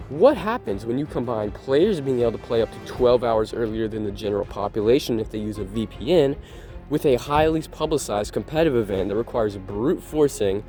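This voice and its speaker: Congested male gaming commentator, lively sarcastic rant, warm dark tone, faint music under. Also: mid-range voice. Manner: animated, sarcastic ranting. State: sick, congested voice. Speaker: gaming YouTuber.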